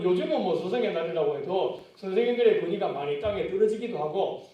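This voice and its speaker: A man's voice: high voice, warm tone. A middle-aged man preaching a sermon as pastor, in a conversational style with questions to the congregation. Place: church sanctuary. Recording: very echoey church, mic far off.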